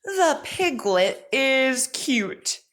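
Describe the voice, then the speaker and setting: Over-enunciating woman, high-pitched, slow and deliberate. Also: very animated, fairly bright tone. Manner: encouraging. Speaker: speech articulation teacher. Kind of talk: articulation drill lesson, reading practice sentences.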